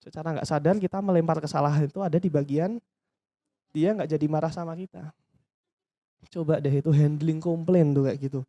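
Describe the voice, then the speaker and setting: Brief: animated seminar trainer, mid-pitched voice, dry close sound, acts out customer exchanges. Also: no room sound. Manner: lively, acts out customer dialogues in quick voices; addresses audience directly, asks and answers own questions. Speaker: business trainer. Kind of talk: casual seminar talk.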